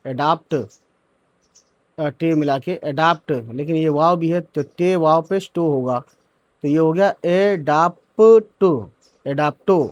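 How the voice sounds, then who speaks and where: A man leads a beginners' reading lesson at a very slow, deliberate pace. His voice sits a little high for a man, and he spells each word sound by sound before blending it. The close recording is dry, with no room echo. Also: lo-fi sound. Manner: spells words out syllable by syllable, then joins them; checks in with "theek hai" and "hai na". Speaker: Urdu reading teacher.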